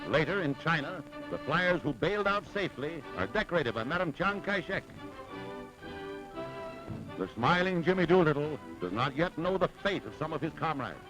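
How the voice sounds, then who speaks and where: Male 1940s newsreel announcer, high animated voice, dramatic punch, heavy music bed. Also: normal speed, poor audio. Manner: emphatic, dramatic announcer delivery. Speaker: newsreel narrator.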